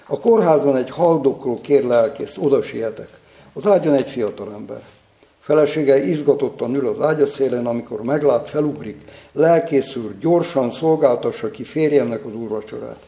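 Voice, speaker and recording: Gravelly solemn preacher in an echoey room. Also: male voice, medium pitch, dark tone. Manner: slow, solemn storytelling that ends in prayer. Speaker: pastor. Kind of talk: sermon reading and prayer.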